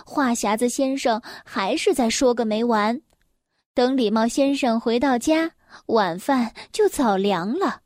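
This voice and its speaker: A woman reading a children's story aloud in a gentle, expressive storytelling voice. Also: high voice, dry recording, clean studio sound.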